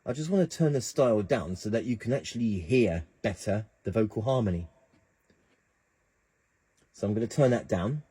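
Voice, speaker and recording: A man's voice: on the low side, lively intonation, moderate pace, long pauses, mellow, husky. A man hosting a keyboard tutorial, chatting casually and thinking aloud as he works the controls. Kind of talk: casual instructional demo.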